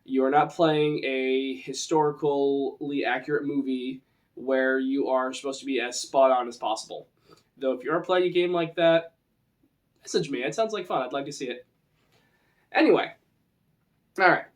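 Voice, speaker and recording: A Western American accent marks this man from the western US as he explains tabletop roleplaying in a casual lesson. He pauses often, keeping a mid-range voice with fairly even intonation at normal speed.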